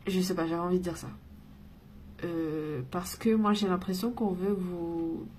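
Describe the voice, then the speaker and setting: A woman giving a casual spiritual card reading, chatty and rambling, reassuring her viewers and breaking off with giggles and soft whispers. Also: fairly low pitch, steady tone, a little slow, a little hiss or hum. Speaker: oracle card reader.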